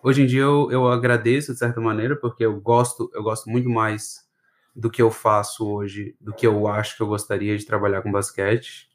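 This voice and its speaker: A Florianópolis man, guesting on a podcast, rambles casually and uses slang, his southern Brazilian accent mild. His voice sits on the low side, delivered flatly at a moderate pace.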